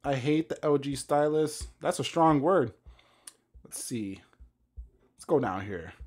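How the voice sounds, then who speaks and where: A man's voice: mid-range voice, expressive, slow, a little mellow. A man hosting a casual tech live stream, chatting loosely and reacting to viewer comments as he goes.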